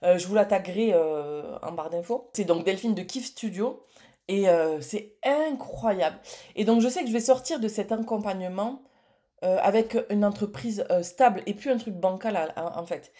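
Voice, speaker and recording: Woman, late thirties, medium pitch, chatty vlogger, effusive, hesitant. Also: animated, moderate pace, mellow. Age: late 30s. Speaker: entrepreneur and vlogger. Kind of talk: casual vlog chat to camera.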